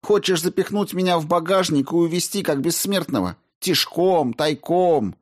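A man putting on a scornful, sharp-tongued young woman. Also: on the high side, moderate pace, voice pushed up, close to an everyday voice. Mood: contemptuous. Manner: cold, biting, mocking.

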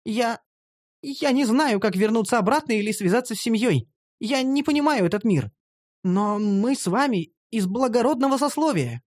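A man's voice: very high-pitched, expressive, normal speed, a little mellow, no room sound, studio quality, pitched above the performer's own voice. A man voicing a haughty young noble elf woman who has been enslaved, prim and formal in an audiobook. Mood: indignant.

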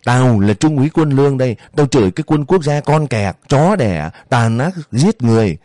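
Brief: audiobook story figure, enraged grieving officer read by a man, shouting, dry close recording. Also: medium pitch, expressive, normal speed, no echo, pitched above the performer's own voice, lightly acted. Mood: furious, defiant. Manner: shouting curses defiantly. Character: enraged grieving male army lieutenant.

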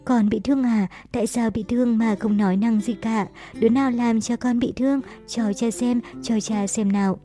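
A woman's voice: a little high, fairly even intonation, normal speed, mellow, faint music behind, natural voice. A woman doing a stern old father. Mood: alarmed. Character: stern, alarmed old father, head of household.

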